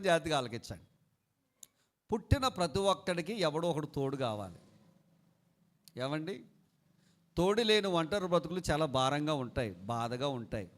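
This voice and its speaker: A fervent pastor with a high, ringing voice. He preaches with urgency, has his listeners repeat after him, and keeps asking them whether they follow along. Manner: fervent preaching, leading a congregation in call-and-response and shouted prayer; asks listeners questions and tells homely stories. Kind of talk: sermon.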